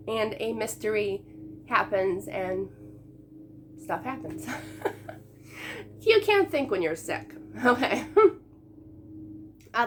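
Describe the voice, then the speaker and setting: Woman, late 20s, book vlogger; fairly high, slightly hoarse voice from a cold; chatty, upbeat. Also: slight background noise. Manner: chatty, upbeat, laughs often. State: sick, voice going. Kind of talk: casual chat to camera.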